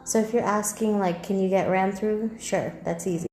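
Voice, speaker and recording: A woman's voice: medium pitch, fairly even intonation, moderate pace, dark tone, roomy sound, faint music behind. A woman giving a blunt, dismissive opinion in a casual video.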